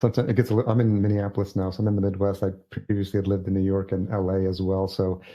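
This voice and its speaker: Male podcast host, very deep and mellow, easygoing and halting, dull lo-fi audio. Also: level tone. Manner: easygoing, hesitant, with fillers. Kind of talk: casual interview chat.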